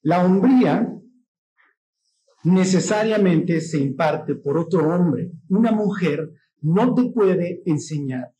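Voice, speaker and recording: A man with a Mexican accent preaching a sermon in a lively, joking way, often acting out the voices of the people in his stories. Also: sits high, slow pace. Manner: mimics voices in quotes. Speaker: pastor.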